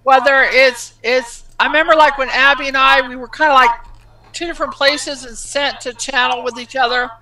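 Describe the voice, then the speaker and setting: A woman's voice: sits high, fairly even intonation, moderate pace, sharp tone, low-quality recording. A woman guest chatting casually about spiritual matters, eager and reassuring.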